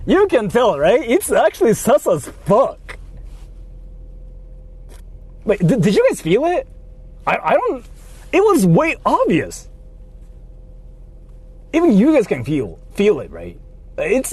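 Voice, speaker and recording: Slow and full of pauses, a man chats on a livestream from his car, rambling, repeating himself, and swearing without restraint. His voice sits high with huge pitch swings and a darkish, breathy edge, and vehicle noise fills the noisy car recording.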